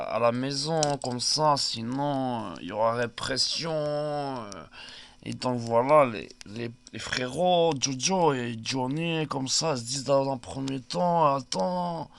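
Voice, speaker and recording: A man's voice: medium pitch, unhurried, gravelly, a bit bright, clean tone. A man telling a comedy story in a rambling way, full of fillers and hesitations. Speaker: comedian narrator.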